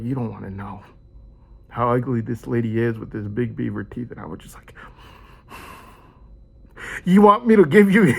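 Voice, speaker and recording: Gravelly man on a rambling rant. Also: medium pitch. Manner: rambling, aggrieved, joking. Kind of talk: rambling personal monologue.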